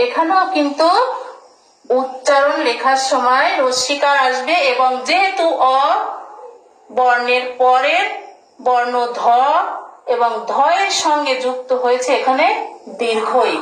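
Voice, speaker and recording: High-voiced woman teaching in an echoey room. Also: slow pace, long pauses, a bit bright. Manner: patient, asks and answers her own questions. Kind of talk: classroom lesson on pronunciation. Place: classroom with a board.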